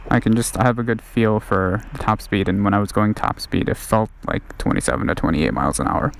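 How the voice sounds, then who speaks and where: A man's voice: on the low side, lively intonation, brisk, gravelly, low-quality recording. A man giving casual point-of-view commentary outdoors on a street while riding an electric skateboard. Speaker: vlogger reviewing an electric skateboard. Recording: outdoor ride noise, passing vehicles. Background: vehicle and ambient noise.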